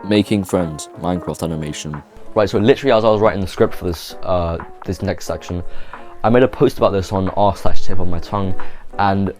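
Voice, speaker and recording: A man's voice: low-pitched, darkish tone. A man narrating a YouTube video in a casual, rambling, offhand way, full of "like" and restarts. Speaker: YouTube host.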